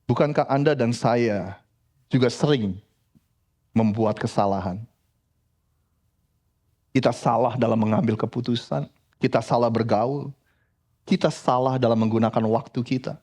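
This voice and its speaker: A man preaches an animated sermon in church. His voice sits at an ordinary middle pitch, and he speaks straight to his listeners, calling them brothers and sisters. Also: measured pace, pauses often. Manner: animated preaching, frequently addressing the congregation as "saudara". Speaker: pastor.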